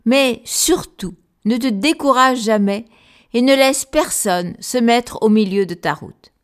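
A woman voicing a gentle viking mother who calmly encourages her son in a storybook. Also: a little high, slow pace. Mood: encouraging.

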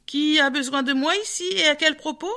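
A woman's voice: sits high, steady tone, fairly quick, pushed and bright, pitched above the performer's own voice. Heavy bossy male bear, read by a woman, blunt and boastful, storybook tone. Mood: gruff.

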